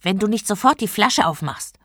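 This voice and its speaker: A woman's voice: on the low side, big pitch swings, moderate pace, vocal fry, no room sound, studio quality, exaggerated voice. A woman voicing a rude, irritable male genie trapped in a bottle, snapping and mocking in a storybook reading.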